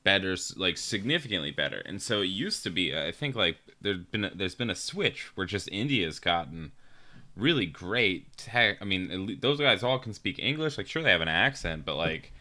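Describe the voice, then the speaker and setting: Deep-voiced, loose-talking young man. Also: sing-song, moderate pace, bright, forceful tone. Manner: loose, profane, rambling storyteller. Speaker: podcast co-host. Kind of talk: casual chat.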